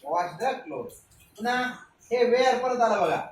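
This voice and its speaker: A man's voice: very high-pitched, expressive, normal speed, slight background noise. A man from Maharashtra teaching young pupils English words. He spells each word letter by letter and keeps asking the class to repeat it. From Maharashtra, India. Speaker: primary school teacher. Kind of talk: spoken English vocabulary lesson for children. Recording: very echoey room, voice from far off the mic.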